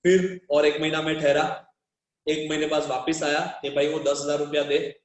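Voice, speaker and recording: A man's voice: on the high side, flat delivery, moderate pace. A male commerce teacher giving a classroom lecture, explaining with role-play examples, repeating key terms and quizzing his students. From Gujarat, India. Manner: switches between Hindi and English. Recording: echoey classroom.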